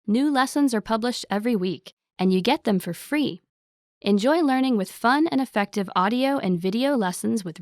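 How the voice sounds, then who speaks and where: A woman's voice: on the high side, no room sound, clean studio sound. A woman reading a scripted promotional ad in an upbeat, salesy way. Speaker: ad announcer.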